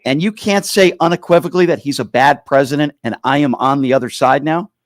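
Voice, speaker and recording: In studio quality with no echo, an American talk show host argues insistently on a heated political call-in debate, interrupting callers and hammering key phrases with repeated pointed questions. He speaks a little fast in a slightly high voice.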